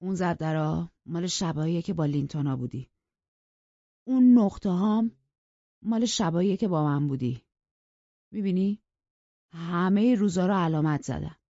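A woman's voice: on the low side, pauses often, dark tone, dry recording, natural voice. A woman voicing a brooding, sullen young farmhand man who speaks bluntly and resentfully, read in a dull lo-fi audiobook recording.

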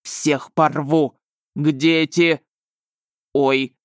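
A woman voicing a big, gruff male dog familiar who growls and blusters. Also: low-pitched, flat delivery, extremely slow, no room sound, clean studio sound. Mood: growling.

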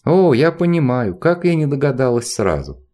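A daring young girl acting the part of a noble lady, played by a man narrating a storybook. She questions her guide eagerly, wrapping her curiosity in careful courtesy. The voice moves lively up and down, a little higher than plain male narration. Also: normal speed, natural voice. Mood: probing. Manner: eager, probing questions with put-on politeness.

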